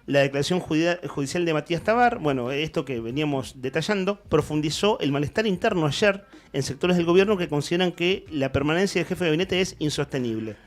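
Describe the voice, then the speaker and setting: A man's voice: a little high, expressive, fast, hardly any pauses. A man with an Argentine accent hosting a morning radio show, commenting on the news in a rambling way with many restarts. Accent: Argentine Spanish. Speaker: radio host. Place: radio studio.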